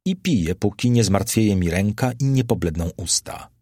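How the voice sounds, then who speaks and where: A man's voice: lowish voice, expressive, moderate pace, a little mellow, no room sound, clean studio sound. A man voicing a worldly, ironic Roman aristocrat who speaks in a languid, wry, philosophizing way.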